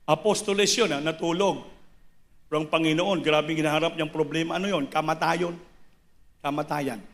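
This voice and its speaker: A man preaching a sermon, impassioned, swinging between shouted lines and hushed low passages. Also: fairly even intonation, moderate pace.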